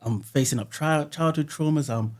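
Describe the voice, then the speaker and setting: A guest on a podcast, this musician reflects with earnest sincerity, frequently repeating words while gathering his thoughts. The relaxed chat happens in a studio; his pitch is fairly high, his tone darkish, and his pace moderate.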